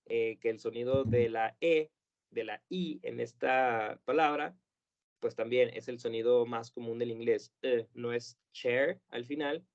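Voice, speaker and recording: A male teacher explains pronunciation in a patient, measured way. He repeats model words slowly. His voice sits at a middle pitch, recorded with a dull, lo-fi quality. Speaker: English teacher. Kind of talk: pronunciation lesson.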